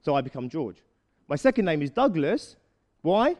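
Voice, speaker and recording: A man giving a live motivational talk to a young audience, often checking in with quick rhetorical questions. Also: fairly high pitch, sing-song, long reverb tail, highs cut off. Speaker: motivational speaker.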